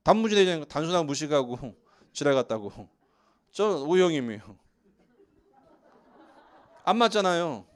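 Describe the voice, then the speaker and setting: A man's voice: fairly high pitch, slow pace, long pauses. A male pastor from Seoul preaching a sermon in a church and joking with the congregation. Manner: joking with the congregation, lively asides. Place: church sanctuary.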